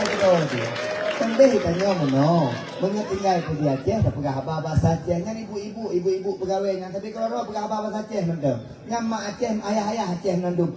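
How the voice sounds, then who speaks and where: A man with an Acehnese accent giving a humorous Islamic sermon, joking and teasing the audience. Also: sits high. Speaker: preacher. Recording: echoey, distant mic.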